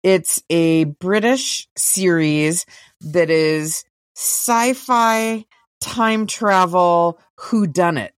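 Lower-pitched woman chatting casually. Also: extremely slow, smooth, no room sound, studio quality. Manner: chatty, relaxed, swears casually. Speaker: podcast co-host. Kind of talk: casual chat about TV shows.

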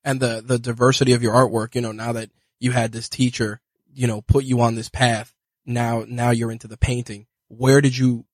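A man's voice: medium pitch, flat delivery, moderate pace, dry recording. A man hosting a podcast, interviewing a guest in a casual, hesitant way with many fillers. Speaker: podcast host. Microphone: podcast studio mic.

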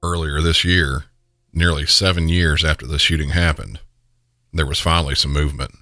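A man with a deep Southern US accent, hosting a podcast in scripted true crime narration. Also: fairly even intonation, moderate pace, sharp tone, dry recording, studio quality. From southern United States. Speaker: podcast host. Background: guitar music.

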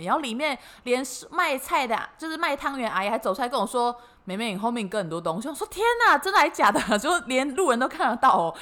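A woman's voice: fairly high pitch, fairly bright tone. A woman with a Taiwanese Mandarin accent co-hosting a podcast, telling a story dramatically and acting out the quotes. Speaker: podcast co-host. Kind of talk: casual chat, storytelling.

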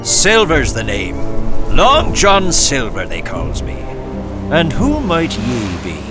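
An actor playing a sly, hearty one-legged sea cook in an audio drama, with a theatrical seadog drawl. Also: male voice, medium pitch, wildly swooping pitch, slow pace, over music. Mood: jovial, sly. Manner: theatrical old-seadog drawl with swooping emphasis.

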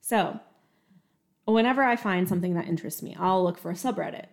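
Young woman podcaster, lowish voice, lots of likes and ums, casual chat. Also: brisk, darkish tone. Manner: chatty, lots of "like" and "um" fillers. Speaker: podcast co-host. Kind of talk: casual true crime chat.

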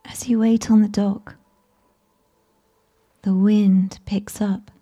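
A woman reads a sleep story softly, as if right in your ear. Her voice is very dark and mellow, breathy and half-whispered. She takes her time with every phrase, keeping it gentle and soothing. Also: medium pitch, flat delivery, takes it slowly. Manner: whispery, close in the listener's ear. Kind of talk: soft ASMR scripted bedtime narration.

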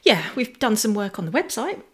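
A woman's voice: fairly high pitch, sing-song. A woman co-hosting a diving podcast, chatting in a light, agreeable way. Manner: light, agreeable, quick to laugh. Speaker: podcast co-host. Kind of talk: casual chat.

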